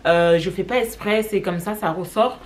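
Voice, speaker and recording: A woman's voice: mid-range voice, moderate pace. A young woman from Cameroon with a French accent, chatting casually to her vlog audience, rambling with lots of fillers. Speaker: vlogger.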